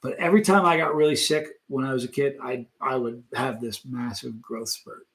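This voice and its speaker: A man in his late fifties hosts a live stream, chatting casually, reading out viewer comments, and laughing often in an animated way. His voice is mid-range and his pace moderate.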